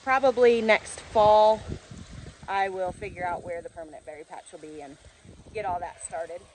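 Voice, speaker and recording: A woman chatting casually to camera as a homesteading vlogger, informally explaining chores outdoors with a tractor rumbling behind. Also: steady tone, normal speed, darkish tone, slight background noise, poor audio. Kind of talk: casual vlog chat to camera. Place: outdoors on a farm.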